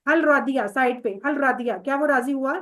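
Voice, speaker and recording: A high-voiced woman teaches an Arabic grammar class in Urdu with a Pakistani accent. She patiently drills verb forms aloud and quizzes her students by name. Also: steady tone, fairly bright tone.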